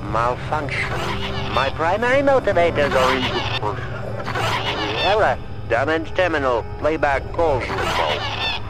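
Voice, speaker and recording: A man's voice: medium pitch, very animated, a little slow, pauses often, over music, poor audio. A man voicing a damaged droid in a video game, reporting in clipped, mechanical fragments. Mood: malfunctioning. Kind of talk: video game dialogue acting.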